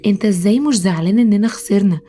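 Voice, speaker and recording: A woman's voice: medium pitch, very fast, warm tone, soft background music, lightly acted. A woman with an Egyptian accent voicing a friendly, earnest young schoolboy in a storybook. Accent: Egyptian Arabic.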